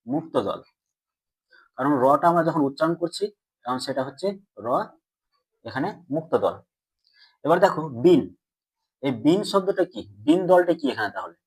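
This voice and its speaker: A man teaching a grammar lesson to students. He asks them questions and answers them himself, and he stretches out words slowly syllable by syllable. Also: on the high side, breathy edge. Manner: drawn-out slow syllable-by-syllable pronunciation.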